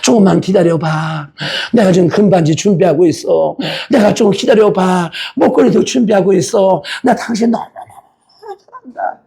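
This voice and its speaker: Tender husband comforting his wife, voiced by a male pastor, husky and gentle. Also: high voice, normal speed, full character voice.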